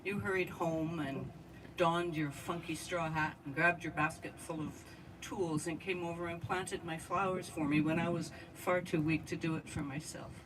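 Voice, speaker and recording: A woman giving a memorial eulogy at an outdoor gathering, speaking straight to her departed friend with heartfelt warmth. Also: deep voice, fairly even intonation, moderate pace. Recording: distant mic with outdoor noise.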